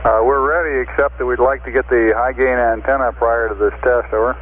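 A man's voice: mid-range voice, fairly even intonation, a little fast. A man working as a mission control radio communicator, speaking in clipped military-style procedure over a crackly radio. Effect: radio transmission. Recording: narrow, very noisy crackly radio link.

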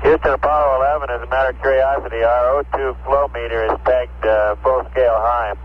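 A man speaking as an astronaut from a spacecraft over a radio link, calm and clipped, with dry humor. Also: mid-range voice, fairly quick. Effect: voice heard over a radio link. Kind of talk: space-to-ground radio exchange. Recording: muffled lo-fi radio with faint hiss.

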